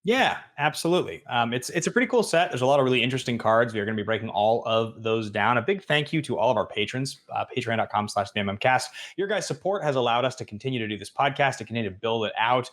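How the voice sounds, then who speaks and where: A man's voice: medium pitch, fast, few pauses, a bit bright. A man co-hosting a podcast, talking in casual chat with upbeat announcements. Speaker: podcast co-host.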